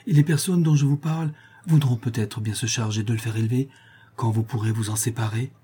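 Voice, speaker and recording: A man reading as a gentle young girl. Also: mid-range voice, brisk, slightly rough, lightly acted. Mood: consoling. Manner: soft, consoling. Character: gentle, kind young girl, newly freed.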